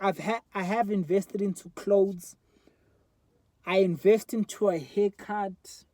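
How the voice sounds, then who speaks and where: Speaking into a phone's front camera, this twentysomething vlogger with a South African accent muses casually and reflectively, candid and rambling, his talk full of fillers. The voice sits high and sounds slightly mellow, free of echo.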